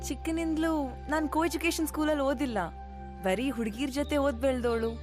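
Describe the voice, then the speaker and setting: An actress plays a young woman anxiously comforting someone, repeating her name and pleading. Her voice sits high. A clear film score plays beneath her. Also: moderate pace, music in the background, natural voice. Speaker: friend consoling another. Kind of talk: film drama acting.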